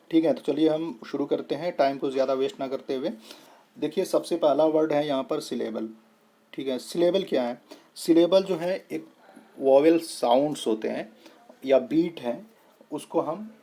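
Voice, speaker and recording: Man tutoring patiently with a soft dark tone. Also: a little high. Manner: repeats "thik hai" to check understanding; spells out and splits words slowly. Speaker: English tutor. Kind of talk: explaining lesson from a board.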